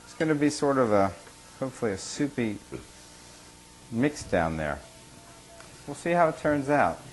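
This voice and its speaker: A man's voice: medium pitch, big pitch swings, moderate pace. Informal man cooking, noisy recording. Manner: informal, buddy-like, plain-spoken. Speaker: cook hosting a cooking show. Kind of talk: casual cooking demonstration. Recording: noisy live room sound.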